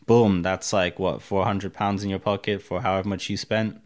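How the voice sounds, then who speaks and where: In a low voice with little pitch movement and a normal pace, a man in his thirties from Russia gives a casual interview. He speaks with a mixed Russian, American and English accent, candid and profane, with lots of fillers.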